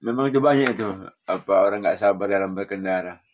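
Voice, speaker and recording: A man's voice: lowish voice, fast, a little hiss or hum. Chatty male host asking questions. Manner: chatty, asks questions, tags "Ustaz". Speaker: session host. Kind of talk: moderating an online study session.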